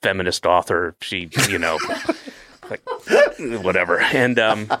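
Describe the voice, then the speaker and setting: A man in his late fifties hosts a podcast, chatting casually and rambling with self-deprecating asides and restarts. His voice sits low and moves a little slowly. Background noise is audible.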